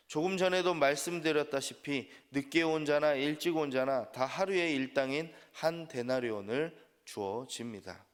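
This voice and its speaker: A man preaching as pastor at an early-morning prayer service, earnest, rising on key phrases and trailing off softly at the ends of sentences. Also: mid-range voice. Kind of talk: sermon. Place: church sanctuary. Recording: long church hall reverb.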